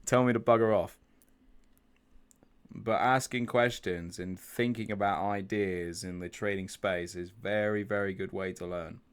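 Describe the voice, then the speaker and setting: A trading group host talks through chart analysis on a live stream in a low-pitched, smooth voice, unhurried and fairly even in intonation. He thinks aloud chattily, restarts, repeats words, and asks viewers for their views.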